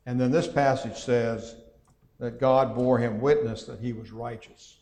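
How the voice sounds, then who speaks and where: A man in a large church hall teaches scripture in an easy, conversational way, pausing with "uh" and correcting himself as he thinks aloud. His mid-range voice carries a long, roomy echo. He reads verses aloud with added emphasis. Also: mid-range voice, steady tone, dark tone. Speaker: preacher teaching a Bible class. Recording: echoey hall with long reverb.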